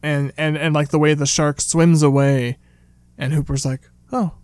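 Man, podcast co-host, animated casual talk, somewhat higher voice, dry close sound. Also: moderate pace, clean tone, no echo. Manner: animated, acts out characters briefly. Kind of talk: casual film discussion.

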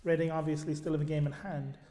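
A man hosts a casual football podcast in a big echoey space. His voice is fairly high and soft-edged, with a conversational, hesitant delivery. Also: flat delivery, fast talker. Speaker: podcast host. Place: echoey room. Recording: echoey room, big echo on voice.

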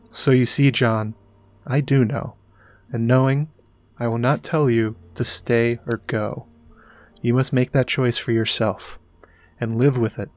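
A man reads out a blind, ancient maester worn down by long years, speaking in a slow, grave and sorrowful way. The voice sits at an ordinary middle pitch, and soft music plays faintly underneath. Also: natural voice. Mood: solemn. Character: ancient blind frail old male maester, weary.

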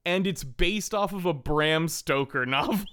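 A podcast co-host trades casual banter, playful, giggly and jokey. His voice is a little high, smooth and fairly bright, at a measured pace.

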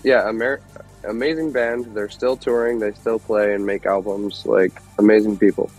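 A man's voice: lowish voice, steady tone, normal speed, a little mellow, faint music behind, poor audio. A man in his thirties from Detroit, a guest musician chatting casually and rambling through stories with lots of fillers. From Detroit, USA. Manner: rambling, laid-back storytelling with many fillers. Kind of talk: casual chat.

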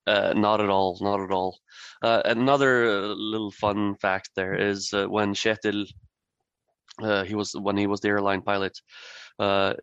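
A man from Norway, a brewery guest in a podcast interview, speaking haltingly with many fillers and restarts. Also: on the low side, level tone, fairly bright tone, clean tone, dry recording, muffled recording.

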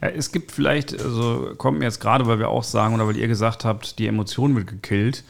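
Male co-host, gravelly fry, hesitant casual football talk. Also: mid-range voice, fairly even intonation, fairly quick. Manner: hesitant, loose restarts. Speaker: podcast co-host.

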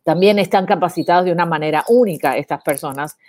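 A woman's voice: lowish voice, quick pace, a little mellow, dry recording. A woman, teaching parents in an informal way, explaining with many examples and rhetorical questions. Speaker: educator on child speech disorders.

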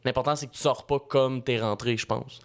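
A man's voice: medium pitch, steady tone, fairly quick. A young man with a Quebec French accent hosting a casual podcast chat, talking in colloquial, sweary slang. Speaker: podcast host.

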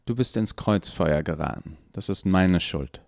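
A man's voice: low-pitched, measured pace, gravelly, dry recording, clean studio sound. A man playing an awkward, evasive male research doctor who hesitates with many ums.

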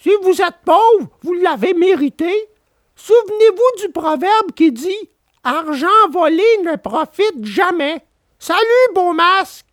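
Woman voicing earnest puppet boy, very high and bright, storybook, dry sound. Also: lively intonation, slow pace, no echo, exaggerated voice. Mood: scolding. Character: young wooden puppet boy, earnest and polite. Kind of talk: storybook reading.

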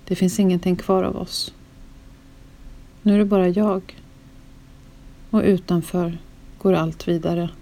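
A woman with a low, gravelly voice reads a personal memoir in the first person. Her delivery is slow and solemn, weighed down with grief. It is scripted storytelling. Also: fairly even intonation, dark tone. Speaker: narrator.

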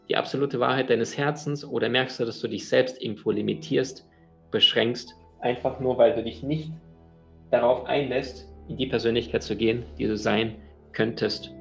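A man with a gravelly, creaky voice at a middle pitch speaks straight to the listener in a motivational talk. He tells his examples earnestly, with plenty of fillers and restarts, and faint music plays behind him.

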